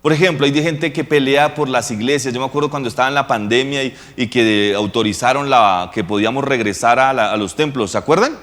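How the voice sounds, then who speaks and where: A man's voice: mid-range voice, fairly quick, hardly any pauses, fairly bright tone, big-room sound. A male pastor preaching a sermon in a casual, joking way, often asking the congregation questions. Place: church hall.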